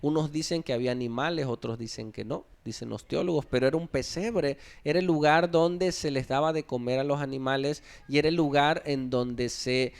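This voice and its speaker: A man's voice: mid-range voice, a little fast, creaky, hardly any pauses, smooth. A man with a Mexican accent preaching a sermon, asking the congregation questions and acting out little quotes as he goes. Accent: Mexican Spanish. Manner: conversational preaching with rhetorical questions and acted-out quotes. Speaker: pastor.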